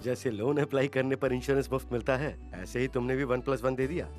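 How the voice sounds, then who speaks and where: A man's voice: mid-range voice, steady tone, fast talker, a little mellow, soft background music, close to an everyday voice. A man playing a father who scolds his children in an exasperated way, in dubbed film dialogue.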